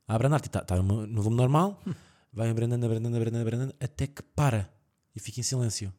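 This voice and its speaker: Speaking quickly in a mid-range voice, a European Portuguese man spins spooky tales on a podcast in a relaxed way. He gets animated, bursting into shouted character voices and laughing a lot.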